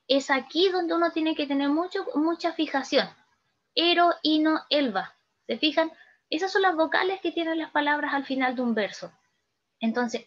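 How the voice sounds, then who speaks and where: A Chilean woman teaching a literature lesson in a fairly high voice. She keeps asking "¿ya?" and "¿se fijan?" to check that her listeners follow. The recording sounds dull and lo-fi. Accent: Chilean Spanish.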